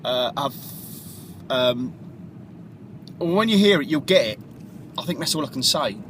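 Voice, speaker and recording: A man's voice: mid-range voice, expressive, unhurried, a bit bright, a little hiss or hum. A radio DJ, talking casually and in a rambling, self-correcting way as he previews his show from a car.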